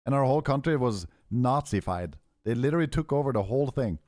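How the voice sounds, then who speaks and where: A relaxed Norwegian-accented man rambles to his stream audience, swearing freely and dropping gamer slang. His voice sits at an ordinary middle pitch. The sound is dry and close, with no room behind it. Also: quick pace, dry recording. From Norway. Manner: laid-back, profane, full of gamer slang. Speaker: game streamer. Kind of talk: casual stream chat.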